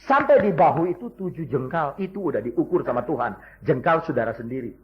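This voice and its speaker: A man preaching a lively sermon full of humorous stories, jumping from loud shouts to hushed asides and acting out the people he quotes. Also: a little high, fairly quick. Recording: dull lo-fi recording.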